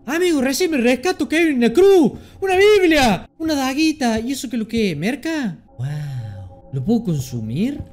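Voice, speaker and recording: A man's voice: very high-pitched, moderate pace, faint music behind. A young man with an Argentine accent, commentating a horror game as he plays, swearing and yelping at every scare. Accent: Argentine Spanish. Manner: excitable, swears and screams at jump scares. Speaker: gaming streamer.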